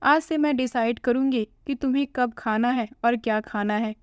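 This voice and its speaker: A woman voicing a sharp-tongued young daughter-in-law with cutting, scornful retorts. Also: on the high side, moderate pace, clean tone, dry recording, highs cut off, lightly acted.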